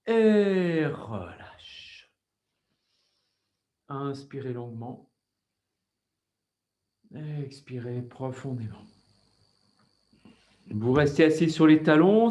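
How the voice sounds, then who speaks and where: A man with a French accent guiding a yoga class over a video call, giving slow, calm breathing cues. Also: fairly high pitch. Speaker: yoga teacher.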